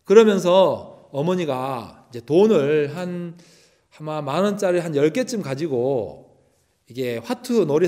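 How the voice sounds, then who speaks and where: Animated storytelling preacher, a man. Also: medium pitch. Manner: animated, acts out the people in his story. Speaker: missionary preacher. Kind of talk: sermon storytelling to teenagers.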